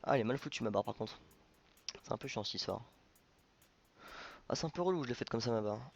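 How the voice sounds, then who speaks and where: A man's voice: mid-range voice, lively intonation, quick pace, gravelly, highs cut off, slight background noise. A man hosting a programming tutorial, thinking aloud informally with many fillers and self-corrections. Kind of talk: casual coding screencast narration.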